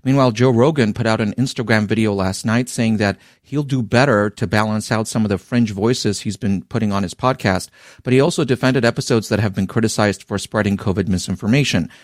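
A man's voice: fairly low pitch, brisk, dry recording, studio quality. A man giving a scripted radio news report as a reporter.

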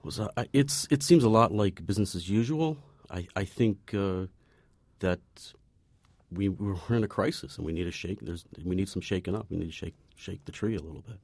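A man in his forties answering radio interview questions in a halting, hesitant way with frequent restarts. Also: sits low, darkish tone, no room sound. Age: 40s. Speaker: interview guest, unemployed chemist.

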